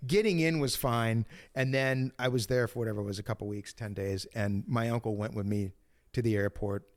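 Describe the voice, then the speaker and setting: A man's voice: medium pitch, steady tone, a little fast. A man in his fifties, born in Greece and raised in Cincinnati, telling his life story as a podcast guest, rambling with many restarts. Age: 50s. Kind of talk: casual storytelling interview.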